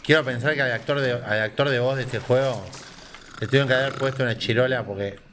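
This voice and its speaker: A man's voice: medium pitch, fairly even intonation, racing, fairly bright tone, a little hiss or hum. Slangy Argentine man commenting on gameplay. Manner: slangy, profane. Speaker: gamer. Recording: game music and sound behind the voice.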